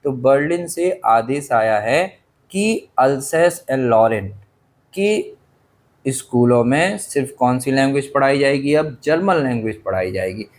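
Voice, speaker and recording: A male teacher explaining an English chapter in a lesson, pausing to ask his class rhetorical questions and coughing now and then. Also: mid-range voice, lively intonation, darkish tone. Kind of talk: Hindi-medium English literature lesson.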